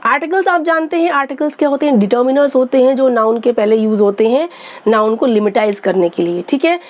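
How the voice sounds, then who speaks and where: A woman's voice: high voice, fast talker, darkish tone, a little hiss or hum. A woman teaching English grammar in a patient lesson, asking and answering her own questions and repeating points. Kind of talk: explanatory lesson.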